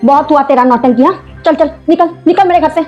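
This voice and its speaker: A woman playing a harsh, bossy middle-aged mother-in-law who scolds and shouts at her daughter-in-law. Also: high voice, brisk, highs cut off, faint music behind, close to an everyday voice. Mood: angry scolding. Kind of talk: family skit acting.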